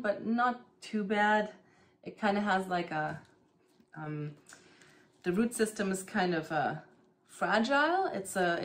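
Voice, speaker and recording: Working on her houseplants at home, a German woman who vlogs about plant care talks casually in a German accent, peppering her speech with "um" and "kinda." Her voice sits on the low side, and there's a little hiss or hum in the audio.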